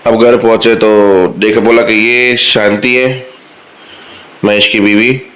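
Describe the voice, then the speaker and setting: A man's voice: fairly low pitch, flat delivery, takes it slowly, a bit bright. A man casually retelling a TV serial episode in a chatty, rambling way. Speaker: TV serial recapper. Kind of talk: casual storytelling recap.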